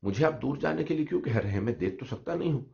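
A man's voice: medium pitch, animated, fast, vocal fry, a little mellow, voice pushed up. A man voicing an old blind man who pleads through tears, in a dull lo-fi recording. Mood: tearful pleading. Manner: pleading, tearful.

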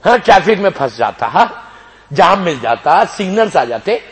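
A male preacher telling a sacred story to a gathering, theatrical, moving between hushed and shouted passages and slipping in English phrases. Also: sits high, big pitch swings. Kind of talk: dramatic religious sermon storytelling. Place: religious gathering before an audience.

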